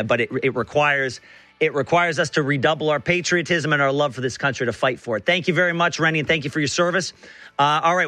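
A man hosting a radio call-in show, talking in halting bursts full of restarts. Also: a little high, sharp tone, dry recording. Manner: halting, many restarts and fillers.

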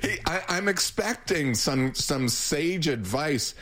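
A man's voice: on the high side, crowd noise, poor audio. A man in his seventies telling stories in a casual chat, laughing often as he goes. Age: 70s. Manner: slow, animated storyteller who laughs often.

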